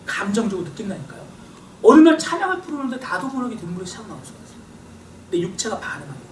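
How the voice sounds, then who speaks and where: A middle-aged male pastor giving a sermon lecture in a church hall, acting out inner voices and swinging between loud and quiet. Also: high-pitched, sing-song, racing. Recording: echoey hall, voice from far off, faint hiss.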